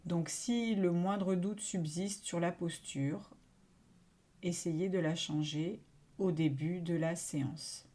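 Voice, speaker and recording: Her fairly low voice stays calm and soothing as she leads a guided yoga nidra relaxation. She speaks in brief phrases, letting long pauses settle after each one.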